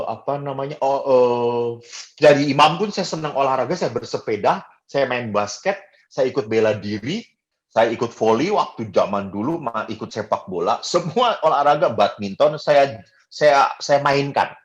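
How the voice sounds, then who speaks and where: A man's voice: medium pitch, moderate pace, muffled recording. Middle-aged male priest, homily, jokey storyteller, voice swings up and down a lot. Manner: animated, jokey storytelling with fillers. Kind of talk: homily with personal stories.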